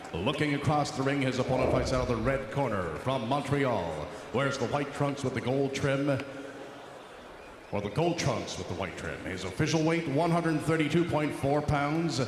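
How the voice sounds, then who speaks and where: A man working as a boxing ring announcer, making formal arena introductions with deliberate, projected delivery and drawn-out names. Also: medium pitch. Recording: echoey arena PA, long reverb, faint noise.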